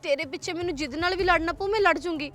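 Young Punjabi woman for short-film drama, high voice, pleading and insistent, music under. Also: fast, fairly bright tone. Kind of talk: melodramatic short-film acting.

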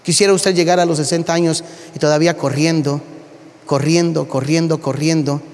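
A man preaching a sermon as a pastor, telling animated stories and calling his listeners brother. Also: on the high side, fast talker. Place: church hall. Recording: long hall reverb.

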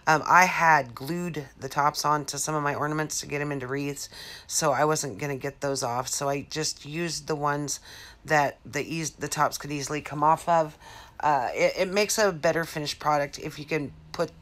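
Low-voiced woman rambling through a craft tutorial. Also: fairly even intonation, moderate pace, a bit bright. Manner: rambling, lots of fillers and restarts. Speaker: craft vlogger. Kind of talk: casual DIY tutorial chat. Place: living room at home.

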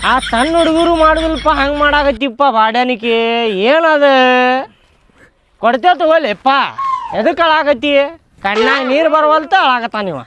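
A man, acting as a husband in a comedy skit and coaxing the others to calm down. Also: very high voice, normal speed, noisy background. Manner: placating, coaxing.

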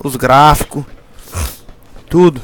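A man's voice: fairly high pitch, slow, slight background noise. A man chatting enthusiastically with friends while streaming a game. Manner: enthusiastic, chatty, says "cara" a lot. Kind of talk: casual gaming chat.

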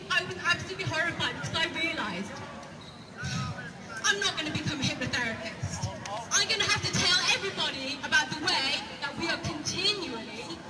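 At an outdoor rally in a square in front of a large stone building, a woman gives an impassioned protest speech in a very high-pitched voice, emphatic and repeating phrases. A camera in the crowd films her from far off, so the audio is distant and echoey, full of loud crowd noise and passing vehicles.

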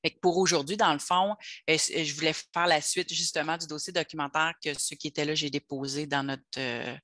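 A workshop leader with a Québécois French accent talks through an online session in a chatty, step-by-step way. The voice is bright and forceful, at a middle pitch. The video-call audio is very dry, with no room sound. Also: fairly even intonation, fairly quick, dry recording.

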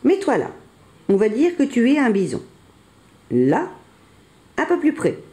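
A storyteller voicing a small, eager boy hamster who dreams of being a cowboy, with high, excited exclamations. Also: a little slow. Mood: bossy. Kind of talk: storybook read-aloud.

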